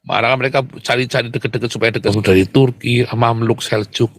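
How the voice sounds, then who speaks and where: A man delivers an impassioned, combative monologue to his viewers at a brisk pace with fairly even intonation, yet his pitch jumps sharply whenever he makes a point. Emphatic throughout, he keeps calling his listeners brothers. There is no echo.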